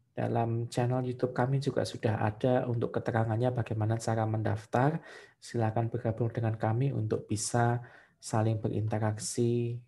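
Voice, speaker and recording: A male teacher leads a live online English test-prep class with a gravelly, creaky tone. He talks patiently, switching between English and Indonesian and tagging short checks onto his phrases. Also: medium pitch, warm tone.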